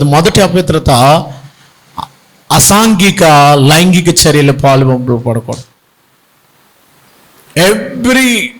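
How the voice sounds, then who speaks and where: A middle-aged man, a bishop giving a Sunday sermon with animated preaching and many rhetorical questions to the congregation. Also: sits high, poor audio.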